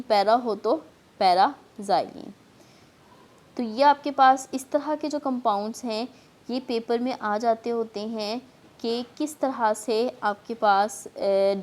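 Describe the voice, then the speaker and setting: Slow, high-voiced Pakistani woman lecturing. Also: a little mellow. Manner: slow, explanatory, mixing English terms into Urdu. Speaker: chemistry lecturer. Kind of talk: classroom lecture.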